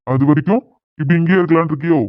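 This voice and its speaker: A man's voice: a little high, racing, no echo, natural voice. A man voicing a scolding middle-aged father who presses his son with questions in a cartoon, with a thin, phone-like sound. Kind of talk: cartoon voice acting. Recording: dry, phone-like narrow sound.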